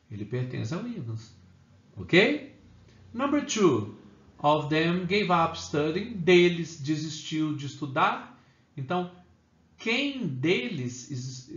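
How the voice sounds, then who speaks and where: A man teaching an English grammar lesson to Portuguese speakers, explaining step by step and checking in with "né?" and "ok?". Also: on the high side. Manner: explains step by step, often adds "né?" and "ok?". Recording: echoey room, slightly dull sound.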